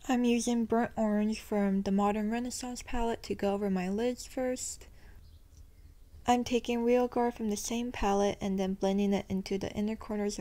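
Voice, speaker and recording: A young woman, a beauty vlogger, narrates her makeup tutorial in a chatty, self-deprecating voice-over. Her voice is mellow and medium-pitched, and her sentences often rise at the end.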